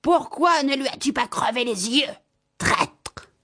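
Shrill old witch, put on by a woman narrator, cruel and scolding. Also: wildly swooping pitch, extremely slow, clear, resonant tone, exaggerated voice. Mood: furious.

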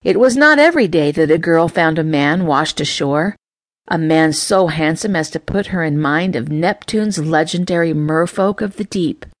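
Gentle woman narrating a storybook romance. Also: deep voice, normal speed, no room sound. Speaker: audiobook narrator. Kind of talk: scripted narration.

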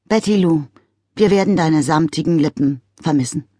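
A woman voicing a dry-witted young girl in an audiobook story, speaking deadpan and consoling. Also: low voice, moderate pace, husky, no room sound.

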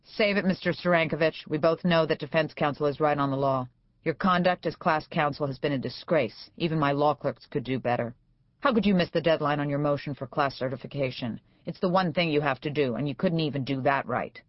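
A woman's voice: low-pitched, fairly quick, no echo. A woman voicing a sarcastic, domineering older male judge in an audiobook, with a dull, dry studio sound. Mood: scolding.

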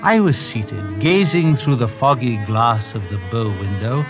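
An actor playing a pompous, long-winded Victorian doctor and narrator in a comic audio theater parody, speaking in wordy, stuffily formal phrases. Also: male voice, medium pitch, sing-song, a little slow, lo-fi sound, music in the background. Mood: dry storytelling.

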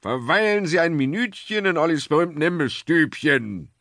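A man doing a loud rhyming snack-stand barker. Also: fairly high pitch, lively intonation, normal speed, no echo, studio quality, pitched above the performer's own voice. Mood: hawking. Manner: rhyming sing-song barker calls. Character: loud cheerful male snack-stand vendor hawking.

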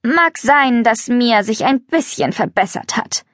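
A woman's voice: high-pitched, very animated, normal speed, no echo, clean studio sound, pitched above the performer's own voice. A woman voicing a haughty, condescending rich countess in a children's storybook reading. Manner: snooty, condescending.

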